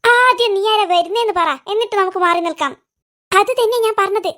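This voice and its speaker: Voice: extremely high pitch, a little fast, bright, forceful tone. A voice actor voicing a cheeky, know-it-all young man in a comic cartoon, talking in a bossy, teasing and scolding way. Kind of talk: cartoon voice acting.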